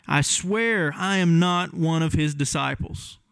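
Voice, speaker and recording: A man's voice: a little high, a little slow, vocal fry, a bit bright, clear, resonant tone, dry recording, voice pushed up. A preacher voicing a frantic man swearing oaths. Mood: desperate. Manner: insistent, pleading oaths.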